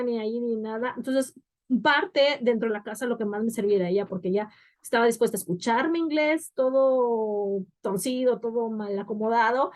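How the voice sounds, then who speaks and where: A young woman co-hosts a podcast, looking back on her past in casual, reflective talk. Her voice is a little high with a darkish tone, and she uses many fillers, often "o sea."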